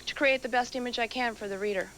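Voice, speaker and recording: A woman's voice: fairly high pitch, fast talker, a bit bright, a little hiss or hum. A woman answering casually as a contestant being interviewed on a game show. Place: television game show studio.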